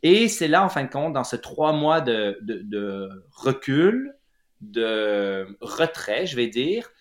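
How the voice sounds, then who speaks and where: A running clinic founder from Lac-Saint-Jean, Quebec, middle-aged and with a Quebec French accent, tells his story as an interview guest in a very animated, mid-pitched voice. He hesitates often, filling pauses and restarting phrases, and the room is roomy and echoey.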